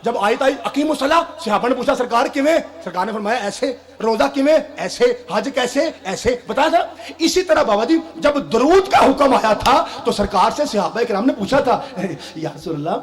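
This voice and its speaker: A man's voice: extremely high pitch, lively intonation, normal speed. A man from Pakistan giving a Shia majlis sermon, rousing and calling out directly to the crowd. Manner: rousing, addresses the crowd directly and calls out to them. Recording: echoey hall with crowd noise. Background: crowd responding.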